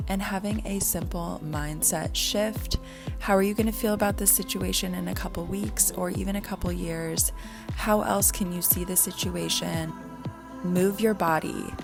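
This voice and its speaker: A woman with a slightly low voice speaks like a lifestyle vlogger. Her delivery is chatty and informal, as if talking casually to her viewers. Music plays clearly behind her voice. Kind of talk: casual vlog chat and tips to camera. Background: background music.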